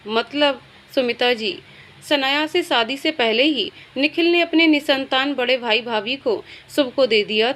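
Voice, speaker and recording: High-voiced woman telling a story. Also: a bit bright. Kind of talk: scripted narration.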